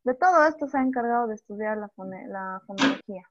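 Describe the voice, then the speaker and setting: Dull-sounding woman teacher, higher voice. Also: animated, background noise. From Bolivia. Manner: demonstrates speech sounds slowly and repeats examples. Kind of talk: online language lesson. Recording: dull dry lo-fi audio.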